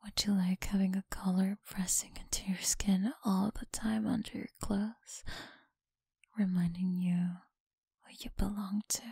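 A young woman voicing a teasing, possessive school bully in an ASMR roleplay, speaking in a slow, mocking, breathy whisper close to the mic. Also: medium pitch, flat delivery, dark tone, dry recording, exaggerated voice.

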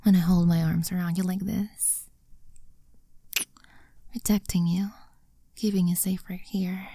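Young woman, whispery, coaxing and commanding, dark mellow tone, dry close sound. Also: lowish voice, level tone, unhurried, dry recording. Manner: soft, intimate, coaxing, commanding. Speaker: audio roleplay performer. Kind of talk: whispered ASMR roleplay.

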